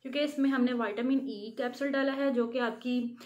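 Chatty high-voiced woman beauty vlogger. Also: fairly even intonation, a little fast, darkish tone, muffled recording. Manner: chatty, instructive, frequent "theek hai" check-ins. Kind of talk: casual how-to vlog.

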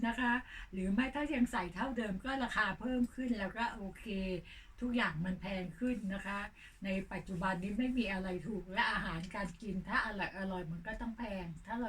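An older woman hosting her own channel, chatting casually and slowly, her voice hoarse. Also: mid-range voice. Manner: slow, unhurried talk. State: hoarse, coughing. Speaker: channel host. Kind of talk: casual vlog chat. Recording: distant mic with faint noise.

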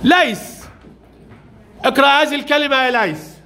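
A male primary school teacher leading a classroom reading lesson with young children, asking brisk questions and praising each answer. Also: very high voice, pushed and bright.

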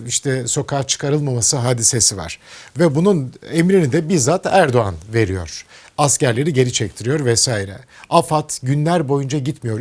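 A man's voice: mid-range voice, darkish tone. A man with a Turkish accent interviewing a guest, asking earnest, probing questions about politics.

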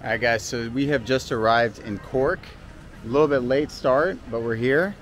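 A man's voice: medium pitch, moderate pace. A man talking casually as a travel vlogger, walking city streets and pubs with a handheld camera. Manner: casual, chatty, slangy. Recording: street crowd and music behind.

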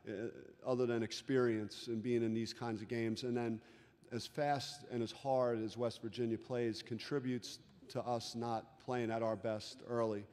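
Flat-voiced middle-aged coach in a reverberant room. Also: male voice, medium pitch. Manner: measured, frequent restarts and "you know" fillers. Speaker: head basketball coach. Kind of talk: postgame press conference answers. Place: press conference room. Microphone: table microphone. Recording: long reverb of a large room.

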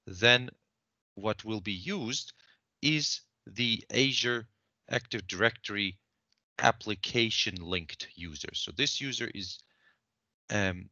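A man walking through a software demo on a screen share, explaining steps in a measured way with frequent fillers. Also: lowish voice, gravelly, dry recording, dull audio.

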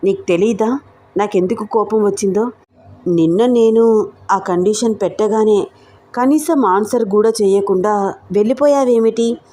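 A woman's voice: medium pitch, a little slow, pauses often, warm tone, natural voice. Hot-tempered young student in love, pouty reproach, as the storyteller voices her. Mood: reproachful. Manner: sulky, reproachful.

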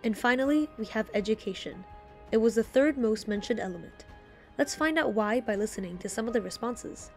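A woman's voice: on the high side, animated, fairly quick, soft background music. A young woman narrating and introducing interviewees in a student documentary. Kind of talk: scripted narration.

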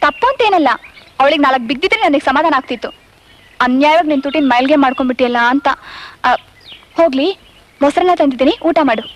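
A woman's voice: sits high, fast, long pauses, slight background noise, close to an everyday voice. An actress playing a worried, jealous young woman in 1980s film dialogue. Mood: coaxing. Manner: fretting, scolding tone.

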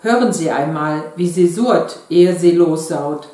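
Brief: eager, playful grown husband in a storybook, as a woman reads him, slow and low, very echoey room. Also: mellow. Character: eager middle-aged husband playing train driver.

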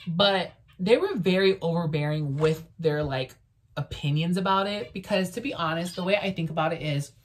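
Speaking at a normal pace in a lowish voice, this woman comes through with a faint hiss or hum. She's a vlogger whose first language is Spanish, reviewing a TV show indoors in her bedroom to a desk-mounted camera, and her talk is sassy, blunt, and packed with fillers.

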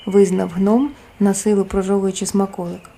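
A woman, the author, reading her own fairy tale aloud as storybook narration, expressive and animated. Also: mid-range voice, normal speed, vocal fry. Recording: soft music underneath.

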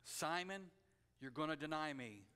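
A man voicing Jesus as a calm man giving a grave, quiet warning, in a long-reverb hall. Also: a little high, unhurried, clear, resonant tone, voice pushed down.

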